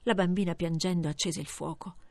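A woman reading a fairy tale aloud in a measured storytelling manner, slowing down for effect. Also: lowish voice, fairly even intonation, darkish tone, no room sound, studio quality. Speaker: storybook reader. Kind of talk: scripted fairy-tale narration.

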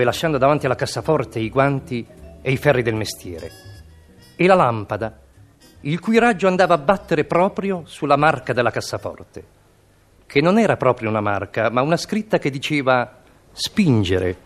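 A man's voice: medium pitch, lively intonation, a little fast, soft background music. A man telling a comic story on the radio in a mock-dramatic, theatrical way.

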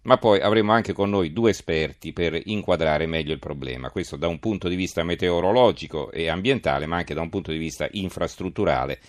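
A man with a low voice presents a press review on live radio. He reads headlines and adds his own commentary. The sound is dry and close, as from a studio microphone. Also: fairly quick, few pauses, no room sound.

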